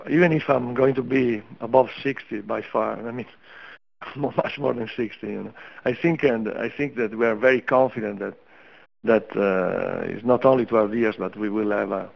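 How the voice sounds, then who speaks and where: Gravelly executive man on a muffled line. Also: mid-range voice. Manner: halting, hesitant non-native English. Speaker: company executive. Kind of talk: earnings conference call answers.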